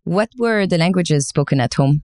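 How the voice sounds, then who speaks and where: A woman hosting a podcast, asking gentle, curious interview questions. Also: fairly low pitch, animated, normal speed, no echo, studio quality. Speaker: podcast host.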